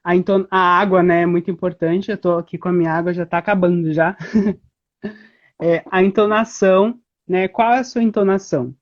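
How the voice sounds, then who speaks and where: A woman guest in a casual interview, explaining things in a relaxed way with many fillers over a video call. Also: fairly low pitch, normal speed. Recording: slightly muffled audio.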